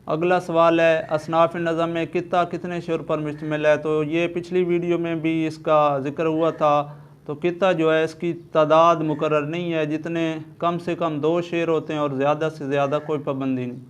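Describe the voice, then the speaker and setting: Smooth, steady male quiz-prep teacher. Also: a little high, moderate pace. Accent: Urdu-speaking Pakistani. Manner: steady, methodical, lists options then gives answer. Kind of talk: reading quiz questions and answers.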